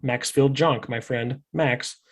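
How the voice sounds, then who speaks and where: A man's voice: medium pitch, steady tone, slow. A man from Fargo hosting a podcast, chatting in a rambling, easygoing and jokey way. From Fargo, North Dakota. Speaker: podcast host. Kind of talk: casual podcast chat.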